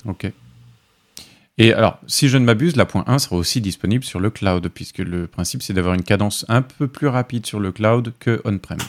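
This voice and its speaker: Lower-voiced joking podcast host. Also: male voice, normal speed. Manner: joking, leads with questions. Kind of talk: casual tech podcast chat.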